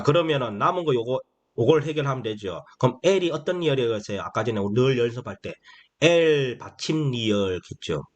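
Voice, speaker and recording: A man gives a beginner English phonics lesson at a middle pitch. He asks a question and then answers it himself, over and over, and he stretches out the important phrases. His delivery is patient and repetitive. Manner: drawls key phrases slowly; calls vowels moms and consonants sons. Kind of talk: slow explanatory lesson for beginners.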